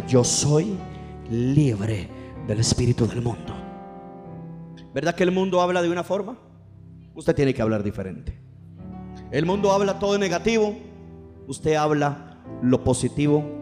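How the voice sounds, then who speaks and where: A man's voice: medium pitch, darkish tone. A man preaching a fervent sermon in church, urging the congregation to respond aloud. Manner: fervent, rising and falling preaching with call-and-response. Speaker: pastor.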